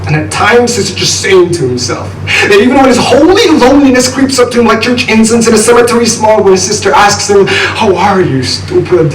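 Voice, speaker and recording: A man's voice: high-pitched, expressive, brisk, few pauses. A young man from Nepal performing spoken word poetry at a live student event, with a rhythmic, intense and wry delivery. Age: young adult. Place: live venue with an audience. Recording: echoey room from a distance, noisy.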